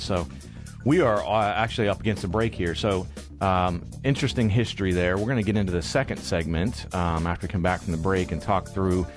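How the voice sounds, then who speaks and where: Low-voiced man hosting a business show. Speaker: radio business show host. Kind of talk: conversational interview hosting.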